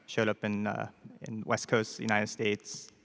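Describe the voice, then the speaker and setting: A man with a gravelly, lowish voice works through a quiz answer haltingly, pausing on fillers. The sound rings with long reverb from a large hall. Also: monotone, fairly bright tone. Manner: halting, fills pauses with uh and um. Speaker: quiz contestant.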